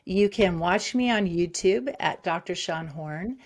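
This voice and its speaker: A woman psychologist, a guest in an interview, talking casually in a lively, rambling way with many fillers and restarts. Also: lowish voice, measured pace.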